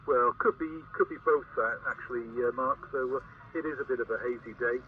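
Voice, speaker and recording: A CB radio operator and net helper chats casually and makes calls, hesitant and conversational, using radio phrases. His medium-pitched voice moves a little fast, and the audio sounds narrow and tinny.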